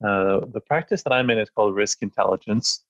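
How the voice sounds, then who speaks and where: As a guest on a podcast, the France-born, Spain-raised data analyst answers thoughtfully in an informal chat, often restarting and using many fillers. His lowish voice moves briskly, and the recording sounds dry and lo-fi.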